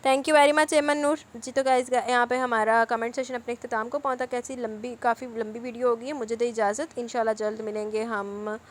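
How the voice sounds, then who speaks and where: Woman host with a high voice going through her comments one by one. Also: steady tone, a little fast, few pauses. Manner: reads viewer comments aloud and answers each one. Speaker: novel-reading channel host. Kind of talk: casual comment-reading chat.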